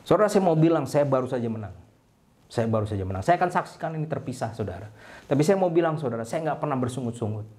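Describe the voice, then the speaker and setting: Guy preaching a sermon, animated storyteller, voice jumps way up then drops low and soft. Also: quick pace. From Indonesia. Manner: animated storytelling, acts out a crying eaglet; ends phrases with a low, soft address to listeners. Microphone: online service broadcast.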